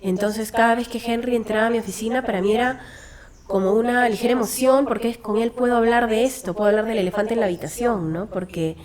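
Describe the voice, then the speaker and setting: With a crowd audible in the background, a Peruvian woman talks fast in a high voice with fairly even intonation. A guest and founder of a children's hospice, she tells her story earnestly and reflectively in Peruvian Spanish, with frequent fillers and restarts.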